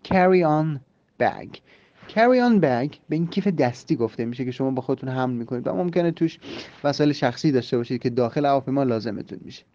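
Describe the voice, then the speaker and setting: A man hosting a podcast English lesson, explaining and repeating phrases slowly so listeners can drill them. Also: mid-range voice, expressive, warm tone, dry recording. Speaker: English teacher and podcast host. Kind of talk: language lesson. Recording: slightly dull lo-fi recording.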